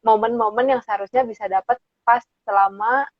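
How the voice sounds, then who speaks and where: A woman's voice: fairly high pitch, fairly even intonation, brisk, dry recording, dull audio. A young woman hosting, asking a casual question with hesitant fillers. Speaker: host.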